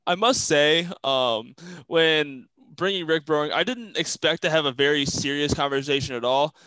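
Podcast host guy, kinda high bright voice, rambly and quick. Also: clear, resonant tone, dry recording, rough recording. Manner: quick, rambling talk with restarts. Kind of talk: casual chat.

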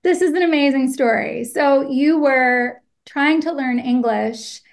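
Middle aged lady hosting her podcast, kinda high voice, gushing over her guest. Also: unhurried. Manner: effusive, gushing, enthusiastic. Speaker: podcast host. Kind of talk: podcast interview.

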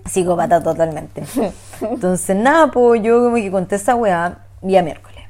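A young woman with a Chilean Spanish accent, telling a story in animated, slang-heavy casual chat. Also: mid-range voice, normal speed.

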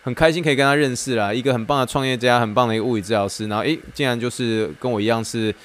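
A man from Taiwan, hosting a podcast as a casual, animated monologue and laughing often. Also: mid-range voice, racing. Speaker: podcast host.

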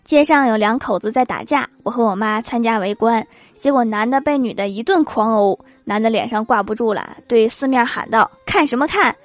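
A woman's voice: on the high side, normal speed. A young adult woman delivering a comic monologue of short, wry everyday anecdotes. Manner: lively, wry storytelling. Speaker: comedian.

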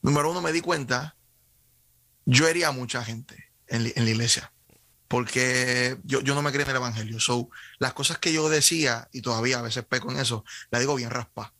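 A man's voice: mid-range voice, a little fast, sharp tone, no room sound. A man with a Puerto Rican accent, a guest earnestly telling his faith story in casual conversation over a video call, often restarting his sentences. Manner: earnest, frequent self-corrections and restarts. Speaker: guest sharing testimony.

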